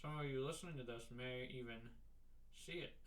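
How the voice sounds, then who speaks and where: A young man hosting a casual solo podcast, talking in a rambling, halting way with a sore, numb mouth after dental surgery. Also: medium pitch. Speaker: podcast host.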